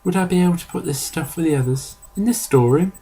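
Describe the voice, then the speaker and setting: A man's voice: a little high, quick pace, dark tone, slightly rough, pitched above the performer's own voice. A man voicing a simple-natured male inventor who sounds mournful yet eager.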